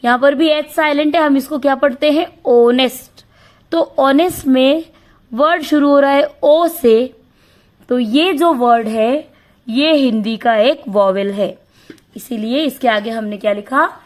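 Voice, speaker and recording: A woman teaching an English grammar lesson. She asks questions and answers them herself, and reads English rules slowly, word by word. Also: high voice.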